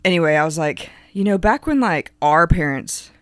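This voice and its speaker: A young woman co-hosting a casual podcast with a blocked, congested nose. Her delivery is blunt and playfully opinionated, with very animated intonation in a dry, close recording. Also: on the low side, normal speed, no echo. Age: young adult. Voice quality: slightly congested, stuffy nose. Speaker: podcast co-host. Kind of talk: casual chat.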